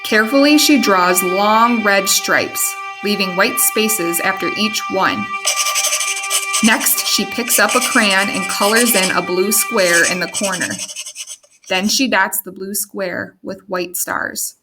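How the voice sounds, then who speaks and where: A woman storyteller reading a children's picture book aloud with expressive delivery. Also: mid-range voice, slow, low-quality recording. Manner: expressive, animated read-aloud. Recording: music under the reading.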